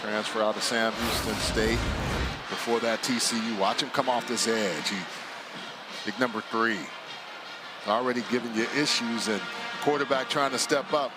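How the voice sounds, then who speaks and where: A man's voice: mid-range voice, fairly even intonation, normal speed, over loud music. A man working as a football color commentator, chatty and laughing easily as he breaks down plays. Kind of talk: live sports analysis.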